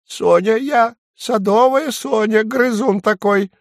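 A man voicing a sly, sleepy female garden dormouse in a storybook reading, squeaky and teasing. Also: slow pace, no room sound, studio quality. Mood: teasing, cheeky.

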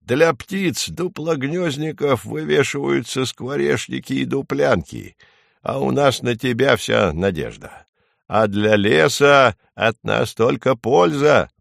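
A man doing a drowsy, slow flying squirrel. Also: mid-range voice, creaky, no room sound, studio quality. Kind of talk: storybook reading.

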